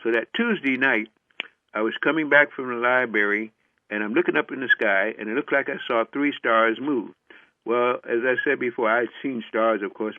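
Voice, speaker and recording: A man's voice: medium pitch, no echo. An older man telling a personal story as a lecturer, acting out the dialogue he remembers with many "I said" asides. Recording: tinny phone-like dry recording.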